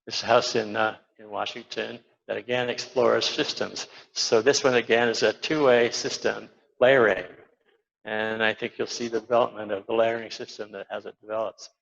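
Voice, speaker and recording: Older man, lower voice, rambling informal lecture, dull recording. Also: flat delivery, moderate pace, gravelly, a bit bright. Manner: rambling, frequent fillers and restarts. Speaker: architect giving a slide talk. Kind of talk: informal lecture over slides. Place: lecture hall at an awards event.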